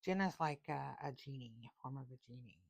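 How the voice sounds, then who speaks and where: A woman giving a casual tarot reading, reading card text slowly and repeating phrases for emphasis. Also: rumbling low, creaky, breathy edge. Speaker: tarot reader.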